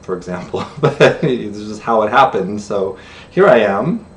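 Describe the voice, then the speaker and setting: A man's voice: on the low side, expressive, unhurried. A middle-aged man teaching a friendly beginner sign language lesson to camera, chatty and laughing at himself. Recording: distant camera mic with faint room noise.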